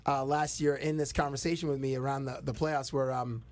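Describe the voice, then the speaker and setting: A man's voice: mid-range voice, level tone, fairly quick, a little mellow. A man hosting a casual podcast interview, laid-back and joking, with plenty of slang. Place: Toronto.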